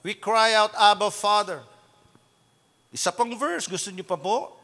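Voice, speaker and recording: A man with a Filipino accent preaching a sermon as pastor, mixing Tagalog and English and breaking into loud shouted praise. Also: high-pitched, a little slow, big-room sound. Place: church sanctuary.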